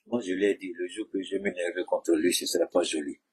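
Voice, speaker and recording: A man's voice: sits low, fairly even intonation, brisk, a little mellow, husky. A man giving a heated, mocking political commentary, speaking straight at his rivals. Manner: mocking, combative, addresses rivals directly.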